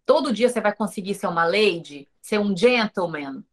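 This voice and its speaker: A woman's voice: mid-range voice, animated, moderate pace. A Brazilian woman teaching an online course. She talks straight to her viewers, with rhetorical questions and quoted dialogue from her own stories. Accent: Brazilian Portuguese. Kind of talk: informal recorded lesson.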